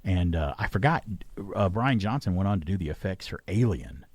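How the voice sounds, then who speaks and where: Low-voiced male radio host, dry sound. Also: big pitch swings, fairly quick, breathy edge, dry recording. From Atlanta area, United States. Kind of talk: casual radio chat. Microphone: close broadcast mic.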